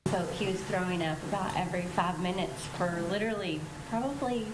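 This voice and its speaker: A woman's voice: lowish voice, brisk. A woman, a parent, recounting a personal story in an interview. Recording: echoey room with clear noise.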